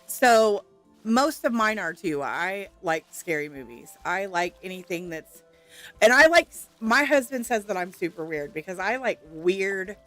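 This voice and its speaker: A female gaming streamer chats casually with her viewers while playing, giggling often and answering their comments. Her voice is mid-range with a fairly bright tone.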